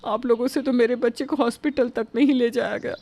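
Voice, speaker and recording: A young mother in a protective fury, snapping at an old woman, as a woman voices her. Her voice rides high and quick in this cartoon story. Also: steady tone, a little mellow. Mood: angry.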